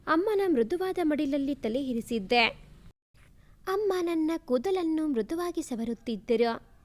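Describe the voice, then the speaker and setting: A woman reading an emotional first-person family story aloud in a soft, feeling way. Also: high voice, lively intonation, unhurried.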